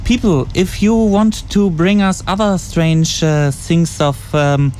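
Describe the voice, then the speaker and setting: Man, radio host, fairly high voice, halting non-native phrasing, casual, noisy background. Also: darkish tone. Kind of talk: casual on-site radio interview. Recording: clearly noisy camp background.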